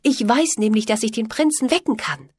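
A woman doing a high, defiant young princess. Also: moderate pace, husky, no room sound, clean studio sound. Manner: suspicious, defiant. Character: stubborn clever young princess girl.

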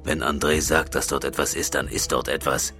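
A man's voice: very deep voice, steady tone, normal speed, sharp tone, faint music behind, exaggerated voice. Man doing a growling, suspicious swordsman. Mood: gruff. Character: gruff, suspicious male swordsman.

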